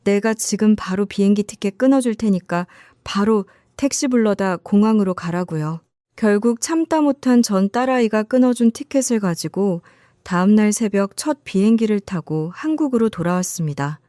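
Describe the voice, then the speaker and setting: Older woman, sixties, scripted first-person story narration, warm mellow tone, dry close sound, sharp edge in scolding. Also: medium pitch, expressive, normal speed, no echo.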